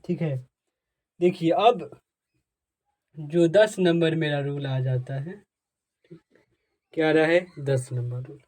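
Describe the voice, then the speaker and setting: Slow and full of long pauses, a man with a high but darkish voice teaches English pronunciation in Hindi. He raises questions only to answer them, goes back over points, addresses his viewers as dear friends, and asks them to comment.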